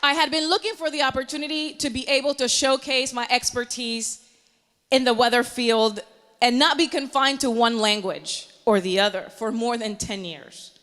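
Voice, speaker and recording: A woman tells her own story in an earnest, motivational way. Her voice is bright and sits a little high. A long hall reverb trails behind her words. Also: normal speed. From Panama. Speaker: meteorologist. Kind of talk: personal story speech.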